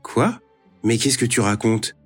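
A man's voice: mid-range voice, big pitch swings, measured pace, husky, no room sound, soft background music. A man voicing a worried, hot-tempered mother of two children in a read-aloud storybook. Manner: anxious questioning, bursting into shouted anger.

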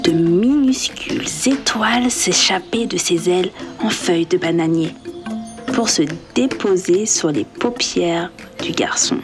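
A woman narrating a children's story softly, at times dropping to a whisper. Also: lowish voice, measured pace. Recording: soft music behind the reading.

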